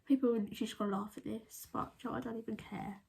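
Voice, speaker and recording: A woman telling a personal story to camera while crying and trying to hold back tears, halting and breaking into whispers. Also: on the high side, fairly even intonation, gravelly, darkish tone, breathy edge. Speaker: vlogger.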